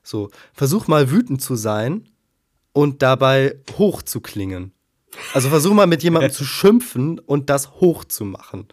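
A man's voice: mid-range voice, big pitch swings, measured pace, darkish tone. A man co-hosting a casual podcast, chatty and teasing, explaining his points at length. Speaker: podcast co-host.

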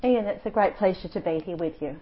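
A woman's voice: on the low side, fast. An Australian woman from Tasmania answering interview questions on community radio, friendly and articulate. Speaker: guest, Rotary district governor-elect. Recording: dull lo-fi radio recording.

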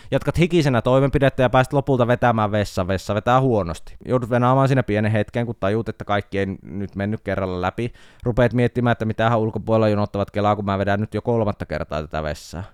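A man's voice: fairly low pitch, few pauses, smooth, dry recording, studio quality. A man hosting a podcast, telling a self-mocking comic story in a casual monologue. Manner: wry, self-mocking storytelling with animated outbursts. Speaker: podcast host.

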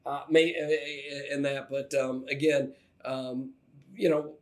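A man co-hosting a casual podcast chat, talking in halting bursts full of fillers and restarts. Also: medium pitch, level tone. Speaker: podcast co-host.

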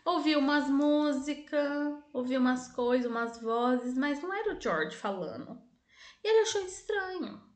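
A woman with a high voice chats her way through eerie stories. She is animated, laughs a lot and puts on voices for the people she quotes. The recording has a roomy echo. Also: normal speed. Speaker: podcast co-host. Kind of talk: casual storytelling chat.

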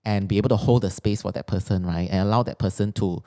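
A man with a soft, dark-toned voice hosts a casual chat. His English has a Singaporean or Malaysian accent and colloquial slang, sprinkled with lah and leh. The pitch sits on the low side. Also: steady tone, quick pace. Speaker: host and coach.

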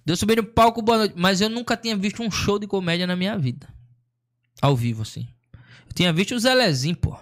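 A man, a comedian, telling a long story in casual chat, slangy and animated, acting out what people said. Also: sits high, fast talker. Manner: slangy, animated, acts out quotes.

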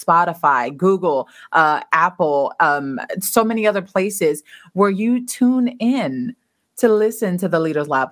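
A woman hosting a podcast, talking in a playful, upbeat, teasing way and laughing often. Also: lowish voice. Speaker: podcast host. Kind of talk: warm casual podcast outro.

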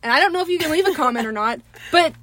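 A young woman co-hosting a podcast in casual chat, animated and argumentative, often laughing. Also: high-pitched, rapid-fire, crowd noise. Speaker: podcast co-host.

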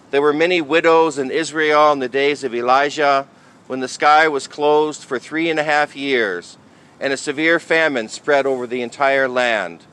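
Guy priest doing gospel reading and homily, kinda higher voice, measured deliberate phrasing. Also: a bit bright, low-quality recording.

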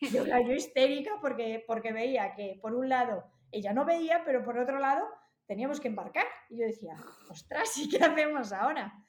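A woman from Spain in her forties, a mother telling a family story in a lively way. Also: fairly high pitch, brisk, echoey room. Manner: animated, acts out quoted voices. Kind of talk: casual storytelling.

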